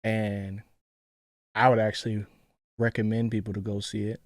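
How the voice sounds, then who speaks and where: A man's voice: lowish voice, flat delivery, moderate pace, no echo, clean studio sound. Laid-back slangy man chatting. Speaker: podcast co-host. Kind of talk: casual movie review chat.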